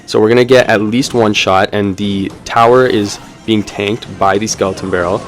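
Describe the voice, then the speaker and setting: A man's voice: on the low side, fairly even intonation, moderate pace. A young man giving casual running commentary over his own mobile card game match, chatty and upbeat, with frequent ums and "let's go ahead". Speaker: gaming YouTuber. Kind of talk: live gameplay commentary.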